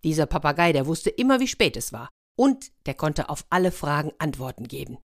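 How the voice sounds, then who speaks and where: Woman storyteller, fairly low voice, expressive fairy-tale narration. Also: brisk, no echo, studio quality.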